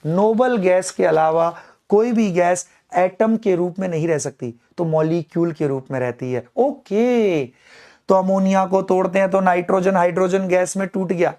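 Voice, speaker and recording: A man teaching chemistry in a playful online lecture, staging mock dialogues with his students and slowing down to dictate English phrases word by word. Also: sits high, darkish tone.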